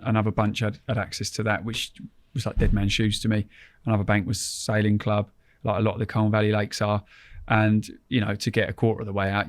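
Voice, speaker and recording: Low-pitched man. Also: no room sound, studio quality. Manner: informal, colloquial, rambling. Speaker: podcast guest, angler. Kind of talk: casual anecdotal storytelling.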